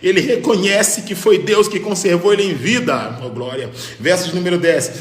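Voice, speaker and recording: A man preaching a fervent Pentecostal sermon as pastor, rising to shouts and breaking into tongues. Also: high-pitched, moderate pace, roomy sound, long reverb tail.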